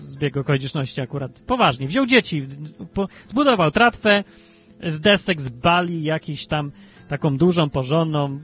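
A male talk radio host chatting about politics in an animated, rambling way, with emphatic bursts and frequent restarts. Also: husky. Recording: low-bitrate talk radio stream with faint music.

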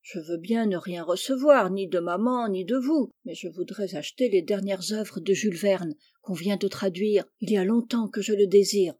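A woman's voice: mid-range voice, moderate pace, few pauses, dark tone, no room sound, close to an everyday voice. Woman doing a blunt tomboy teen girl, outspoken, dry voice. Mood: grumbling.

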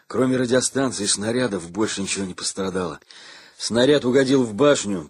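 Husky man narrating an audiobook. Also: lowish voice, no room sound. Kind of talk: audiobook reading of a war novel.

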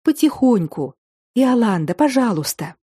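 An anxious, eager young noble lady, voiced by a woman reading aloud speaks in hurried, pleading tones. The voice is dark and mellow. It is recorded close and dry in a storybook reading. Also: a little high, very animated, breathy edge, no room sound, pitched above the performer's own voice, exaggerated voice.

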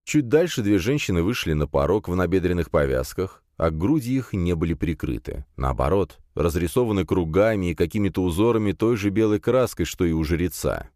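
Male narrator, deep and low, animated dramatic reading, dry booth sound. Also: a little fast, few pauses, dry recording. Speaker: audiobook narrator. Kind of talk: first-person fantasy audiobook narration.

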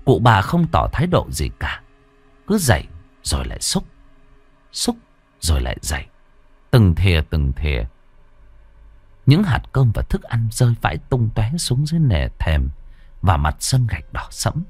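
A man narrating a story in an expressive, animated storytelling manner. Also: on the low side, a little slow, pauses often, husky, no echo.

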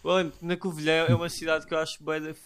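Young guy, kinda high voice, super slangy, lots of filler, keen, just chatting with friends. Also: flat delivery, fast, fairly bright tone, clean tone. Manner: slangy, filler-heavy, enthusiastic. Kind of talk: casual chat among friends.

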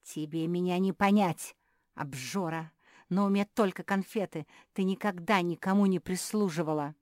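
Woman doing a shrill furious dog servant. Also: normal speed, no room sound, clean studio sound, close to an everyday voice. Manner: shouting, indignant, scornful.

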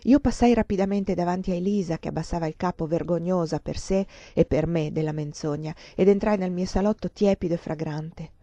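A woman's voice: on the low side, a little fast, hardly any pauses, mellow, dry recording. Woman reading a novel aloud, muffled sound. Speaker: reader. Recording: dull lo-fi dry recording.

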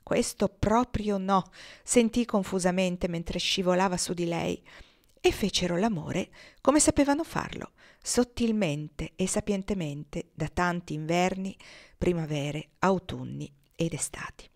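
A woman reading a novel aloud in a measured, expressive way. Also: on the low side. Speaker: audiobook reader.

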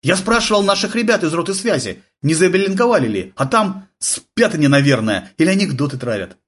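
A man voicing a flustered, excitable young army sergeant who blurts and yelps his lines in an audiobook. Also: fairly quick. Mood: reporting. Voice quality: shrill, blurting, agitated. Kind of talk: audiobook character voice.

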